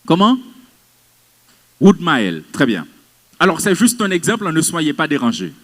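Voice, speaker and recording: A man's voice: on the high side, huge pitch swings, measured pace. A man teaches public speaking to a live class, stressing his points and checking that the audience follows. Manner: emphatic, questions the audience. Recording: long hall reverb.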